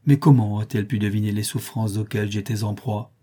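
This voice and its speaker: A man narrating a classic novel as an audiobook, reading in a measured, even way. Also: lowish voice. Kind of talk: scripted narration.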